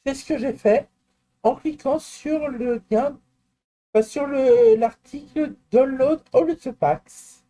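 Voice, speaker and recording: A man with a very high-pitched voice speaks at a slow pace, presenting a screen-recorded software walkthrough as a tutorial. His explanations are hesitant, with frequent fillers, restarts and personal asides.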